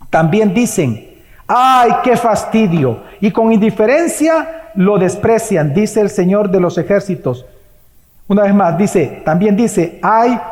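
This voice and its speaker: A man preaching a Sunday sermon, emphatic, swinging between loud declarations and hushed asides. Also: sits high. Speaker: pastor. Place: church sanctuary. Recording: long hall reverb.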